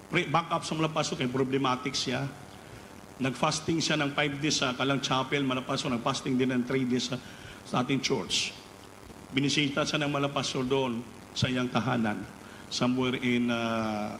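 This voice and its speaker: Preacher in an echoey church hall. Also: male voice, normal speed, a little hiss or hum. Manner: animated storytelling, rising pitch at climaxes. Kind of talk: storytelling sermon. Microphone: live webcast of service.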